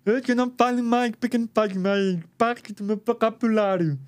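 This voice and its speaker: A man from Rio de Janeiro who lip-reads appears as a guest in a casual interview, his pronunciation careful and uneven, learned artificially. His voice sits high, with a steady tone and moderate pace.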